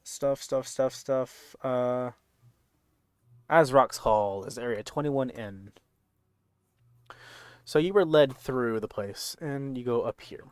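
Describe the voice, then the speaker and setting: Halting, casual male game master, clear voice. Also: medium pitch, no room sound. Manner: halting, informal, slangy. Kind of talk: casual narrating of an online tabletop game.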